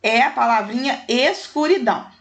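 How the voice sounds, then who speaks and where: A woman's voice: a little high, moderate pace, vocal fry. A woman teacher, taking young pupils through a primary school language exercise and counting syllables and letters aloud with affectionate diminutives.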